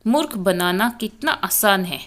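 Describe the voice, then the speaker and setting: A greedy young daughter-in-law schemes in a sly tone, as a woman narrator puts her on. She is a storybook figure who plots and lies. The pace is slow. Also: mid-range voice, expressive, a bit bright.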